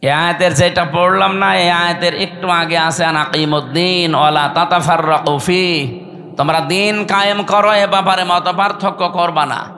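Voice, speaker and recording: A man's voice: high voice, steady tone, moderate pace, bright, forceful tone. A Bangladeshi man preaching an Islamic sermon over a PA system, exhorting listeners with rhetorical questions and calls for a response. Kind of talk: fiery sermon addressed to a crowd.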